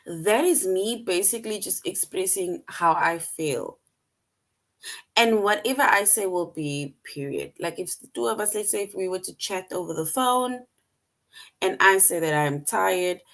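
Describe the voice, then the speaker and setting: A woman's voice: medium pitch, animated, a little slow, fairly bright tone. A woman teaching an online English lesson to young children, patient and repetitive, often checking in with "right?".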